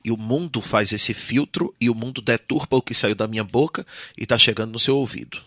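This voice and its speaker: A man's voice: mid-range voice, a little fast, sharp tone, no room sound, clean studio sound. A man with a Brazilian Portuguese accent, a language teacher speaking as a guest on a podcast, explaining patiently and often ending with a tag question.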